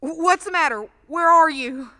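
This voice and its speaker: A woman plays a worried ham radio operator in a stage radio play, sending out a ham radio call and repeating call signs slowly. Her voice is high and bright. She sounds distant, in a hall with long reverb. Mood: anxious calling. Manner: slow, insistent repeated calling.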